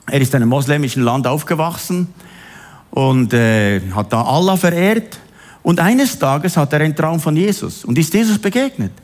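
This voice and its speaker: A man preaching a sermon, telling stories and stretching words for emphasis. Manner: animated, swings high on emphasis, drawn-out stresses. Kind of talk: sermon with storytelling.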